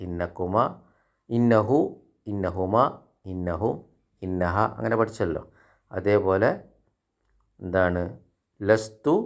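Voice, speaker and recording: A man from India, giving an Arabic grammar lesson. He speaks slowly through example sentences and asks his learners questions. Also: deep voice. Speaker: Arabic teacher.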